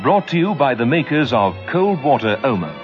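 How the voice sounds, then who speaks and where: A man in the classic old radio announcer mould delivers formal, declamatory programme credits. His voice swings widely in pitch. Loud music plays behind him on a dull vintage recording. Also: big pitch swings, normal speed. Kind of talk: old-time radio announcer, scripted show introduction and sponsor credit. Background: loud theme music.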